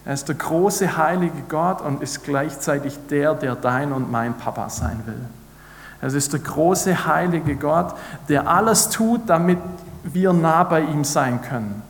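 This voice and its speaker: A man's voice: on the high side, lively intonation, unhurried. Man preaching in an echoey hall. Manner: earnest, building to emphatic repeated declarations. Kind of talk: sermon. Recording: echoey hall with long reverb.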